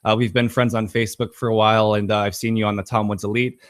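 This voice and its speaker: A man's voice: lowish voice, flat delivery, fast. A man hosting a podcast, eager and a little stumbling as he asks his guest questions. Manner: eager, stumbling over words. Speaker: podcast host. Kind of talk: casual interview chat.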